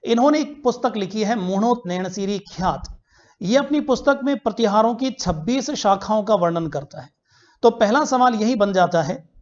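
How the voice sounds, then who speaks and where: Male history teacher in an online class, poses questions, answers them himself, drills key facts; dull lo-fi recording. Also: high-pitched. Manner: repeats key facts for students to remember.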